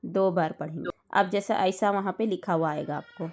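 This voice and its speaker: A woman with a fairly low, slightly mellow voice teaches the rules of Quran recitation. She explains slowly and patiently, repeating each point and checking that her student is keeping up.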